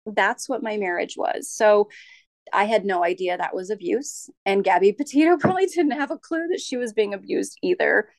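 A middle-aged woman speaks as a podcast guest, telling a personal story with a gravelly edge in her voice. She talks haltingly, restarting sentences and pausing on filler sounds. The sound is close and dry, with no room behind it. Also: medium pitch, expressive, no echo. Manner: halting, with frequent restarts and ums. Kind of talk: candid interview storytelling.

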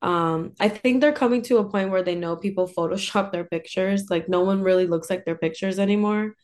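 A woman's voice: mid-range voice, fairly quick, a little mellow. A young woman guesting on a podcast, talking casually and rambling, with many filler words. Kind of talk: casual interview chat.

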